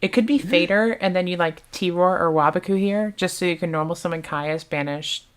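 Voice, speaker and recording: A woman's voice: fairly low pitch, normal speed. A woman with a Southern US accent doing casual live commentary on a card game tournament, chatty and thinking aloud as she answers viewers' questions.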